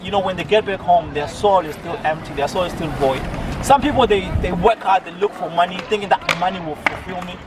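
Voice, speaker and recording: Brisk and high-voiced, this street evangelist from Zimbabwe, a man in his 20s, answers interview questions and preaches outside. He is earnest and repetitive, often restarting his sentences, captured by a faraway microphone amid heavy traffic noise.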